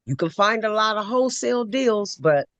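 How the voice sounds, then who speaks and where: A woman's voice: mid-range voice, animated, moderate pace, a bit bright, no room sound, highs cut off. Woman telling her story on a call. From Ohio, USA. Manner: talkative, loose storytelling with many fillers. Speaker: webinar participant. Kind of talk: casual conversation. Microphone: video call.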